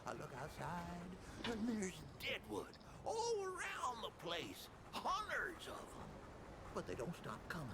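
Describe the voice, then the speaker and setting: A man playing a boastful, forgetful old storyteller in a video game, with a gravelly grandpa voice and folksy, rambling delivery. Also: sits high, wildly swooping pitch, slow pace, heavy background noise, full character voice. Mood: excited storytelling. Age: older. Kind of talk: video game character dialogue, tall-tale storytelling.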